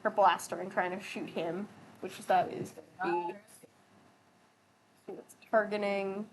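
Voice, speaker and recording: A woman's voice: mid-range voice, little pitch movement, measured pace, rough recording. A woman running a tabletop game as game master, casual and chatty, laughing often.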